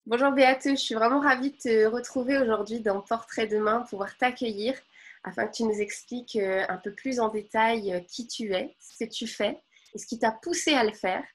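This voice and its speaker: A woman's voice: a little high, moderate pace, soft background music. A woman hosting an interview, effusive with frequent exclamations. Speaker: host.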